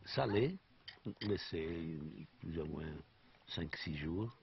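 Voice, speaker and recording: A man's voice: deep voice, lively intonation, slow pace, vocal fry. An older man from Sicily speaking French with an Italian accent, earnestly searching for words as he explains his olive oil. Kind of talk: interview conversation. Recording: dull lo-fi TV recording.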